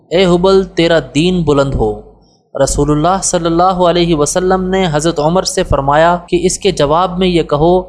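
A man narrating an audiobook of a religious biography in a measured, formal reading voice. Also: a little high. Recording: long reverb.

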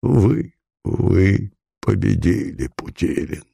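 A man's voice: expressive, moderate pace, a little mellow, a little hiss or hum, lightly acted. Man playing a frantic fake prince. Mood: despairing. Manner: frantic, pleading, high-strung. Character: desperate male fake prince, adventurer.

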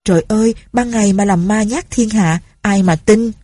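A woman's voice: medium pitch, moderate pace, warm tone, husky, no room sound, studio quality, pitched above the performer's own voice, lightly acted. A woman voicing a timid young village man who pleads fearfully.

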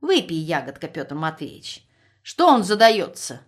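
Woman voicing a brisk village mother, outspoken, scolding, lively, raised voice. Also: fairly low pitch. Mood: merry.

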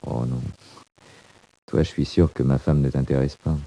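An actor playing a proud, despairing condemned prisoner in a 1940s radio drama, speaking theatrically. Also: male voice, a bass voice, steady tone, moderate pace, mellow, faint music behind. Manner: theatrical, swinging from bitter murmurs to cries.

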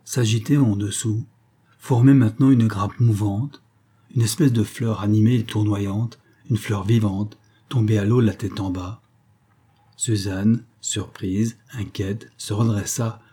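A man narrating a classic novel as an audiobook in a measured, expressive reading. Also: lowish voice, breathy edge.

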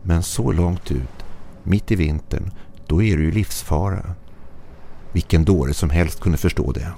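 A man with a low, dark, mellow voice reads a first-person horror story. He delivers it in short, clipped, tense phrases, with a faint hum of ambience behind him. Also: gravelly. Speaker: narrator. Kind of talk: scripted narration of a horror story.

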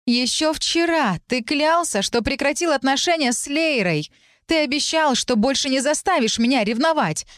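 A woman reading the lines of a calm, cold young woman student in an audiobook, in a composed and slightly mocking way. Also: medium pitch, moderate pace, no echo, clean studio sound, natural voice. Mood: hysterical shouting. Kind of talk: audiobook dialogue.

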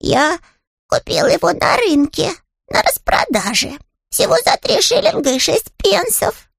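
A little bear with a high, bouncy voice that rises and falls, earnest and quick to feel offended, as a woman puts him on. He sounds gravelly at the edges and takes himself very seriously. A polite storybook creature. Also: wildly swooping pitch, fairly bright tone, no echo, studio quality, full character voice. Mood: earnest, proud. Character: small polite male bear, proud and easily offended. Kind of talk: audiobook character voice.

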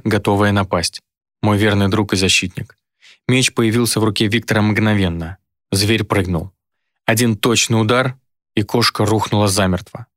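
A man giving a measured, dramatic first-person audiobook narration. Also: on the low side, fairly bright tone, dry recording, clean studio sound.

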